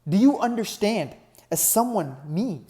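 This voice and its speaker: Speaking unhurriedly in a high, mellow voice, this young online fitness business coach from Nepal is very animated. His motivational talk is earnest, climbing to emphatic highs, and nearly every line gets a "right?" tacked on.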